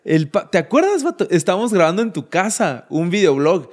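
A man co-hosting a podcast, telling an animated story in casual chat and mixing in English words. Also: high voice, fairly quick. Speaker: podcast co-host.

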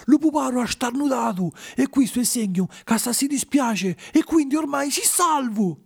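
A man's voice: extremely high pitch, lively intonation, moderate pace, creaky, a little mellow, husky, pitched above the performer's own voice, full character voice. A man voicing a frightened little harlequin puppet who speaks timidly, for a told story with faint music behind. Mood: hushed.

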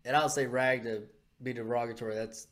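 A man co-hosting a podcast in crude, animated casual chat, retelling stories with quick put-on voices. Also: mid-range voice. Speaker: podcast co-host.

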